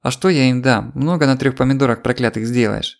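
A medium-pitched, gravelly male voice, lightly acted, takes on the role of a scheming, chattering market woman with a Ukrainian accent. The tone is a wheedling complaint delivered as quick, tearful patter.

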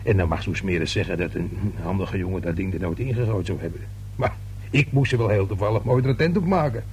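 Playing a nosy working-class grumbler in a radio play, the actor talks in a halting, colloquial, self-important manner with a gravelly, husky voice. It sits low, is expressive and a little mellow, with slight background noise, and the tone is boastful and grumbling.

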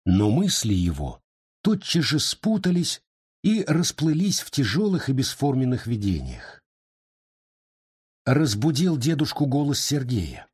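A man reading a story aloud in a measured, expressive storytelling manner. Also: mid-range voice, slightly rough. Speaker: narrator. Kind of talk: scripted audiobook narration.

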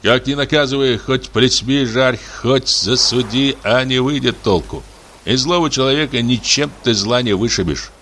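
A man's voice: mid-range voice, moderate pace, a bit bright, a little hiss or hum, pitched above the performer's own voice, natural voice. A man reading a story aloud, voicing a bold, impatient hunter who speaks in curt commands. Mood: stern.

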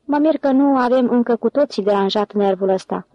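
A woman voicing a gloomy, grumbling old male bookkeeper with a metallic, shrill voice. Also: no room sound, muffled recording. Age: older.

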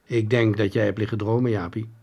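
A man's voice: fairly low pitch, little pitch movement, fairly quick, gravelly, a little mellow. A man voicing a thoughtful schoolboy friend in a children's story, drawling a little. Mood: musing. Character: slow, musing schoolboy friend.

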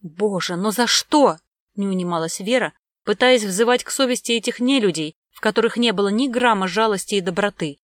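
A woman's voice: mid-range voice, fairly quick, no echo, natural voice. A woman voicing a defiant young nanny. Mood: pleading. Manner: pleading, nervous, defiant.

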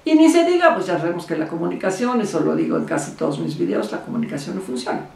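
A woman therapist, giving relationship advice in an animated way and acting out the voices she quotes. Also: on the low side, fast, vocal fry, a little hiss or hum. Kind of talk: advice talk to camera. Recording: roomy echo, speaker far from mic.

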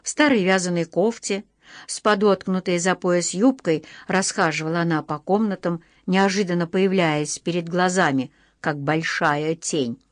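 A woman narrating a children's audiobook in a measured, expressive way, slowing down for emphasis. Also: lowish voice, dry recording, clean studio sound. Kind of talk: audiobook reading of a children's book.

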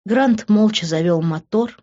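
A woman narrating a romance novel in the first person with even, emotional delivery. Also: medium pitch, unhurried, muffled recording. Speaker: audiobook reader.

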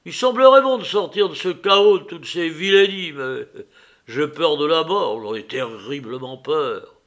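A man's voice: on the high side, animated, unhurried. A man voicing an agitated drunken elder brother. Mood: fearful. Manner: loud, agitated outbursts. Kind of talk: audiobook character reading.

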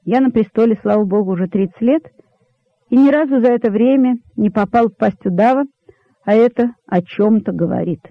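A man's voice: sits high, a little fast, creaky, dry recording. A man voicing a crafty old rabbit king. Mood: sly, grandiose. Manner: sly orator, stately speechifying. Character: elderly rabbit king, crafty and pompous, male. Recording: dull lo-fi dry recording.

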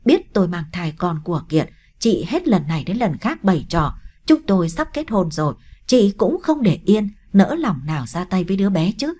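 A woman's voice: lowish voice, big pitch swings, normal speed, dark tone, breathy edge. A woman voicing a hostile, melodramatic young woman in an audiobook story. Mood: accusing. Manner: accusing, melodramatic. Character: hostile, histrionic young woman, scheming and shrill. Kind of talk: audiobook character reading.

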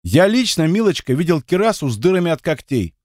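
A man's voice: a little high, big pitch swings, darkish tone, no room sound, clean studio sound, voice pushed up. A man reading the part of a boastful young male dancer who spins tall tales and takes offence easily. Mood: indignant. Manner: boastful, quick to take offence.

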